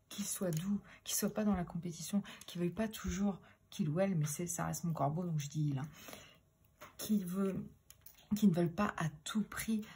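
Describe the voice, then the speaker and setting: Gravelly-voiced woman giving a tarot reading. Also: fairly low pitch, mellow. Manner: musing, often slips into a whisper. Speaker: tarot reader.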